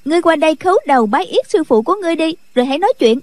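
Mischievous young girl, playful and bossy, piercing high voice, dry close sound. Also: expressive, brisk, dry recording. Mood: teasing.

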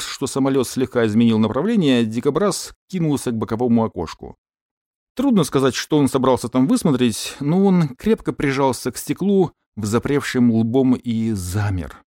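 A man narrating an audiobook, telling the story expressively and giving the characters lively voices. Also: medium pitch, dry recording, clean studio sound.

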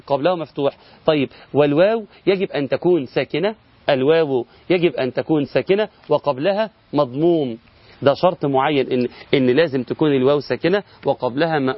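A middle-aged man with an Egyptian Arabic accent leads a tajweed lesson, asking questions and answering them himself. He stretches the sample words to show the long vowels. His slightly high voice comes through a dry, muffled recording. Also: dry recording. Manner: explains step by step, asks and answers himself, drawls sample words. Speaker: Quran recitation teacher.

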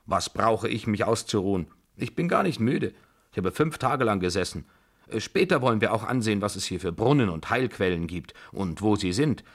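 A man's voice: on the low side, lively intonation, moderate pace. A man reading aloud and voicing a domineering 75-year-old grandmother who scolds and gives orders. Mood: commanding. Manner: bossy, scolding, loud and commanding. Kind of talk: radio drama reading.

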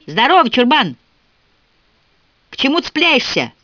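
A man voicing a wild, rough-spoken teenage country girl who shouts and taunts. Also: high voice, moderate pace, no room sound. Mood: taunting. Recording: dull, dry lo-fi recording.

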